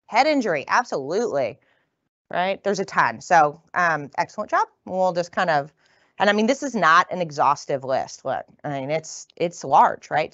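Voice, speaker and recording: A woman from the northern United States lecturing as a physician, talking fast and casually and often tagging her points with "right?". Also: on the low side, a bit bright, no echo, muffled recording. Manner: quick, conversational, tags lines with "right?". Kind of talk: continuing-education lecture. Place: lecture room.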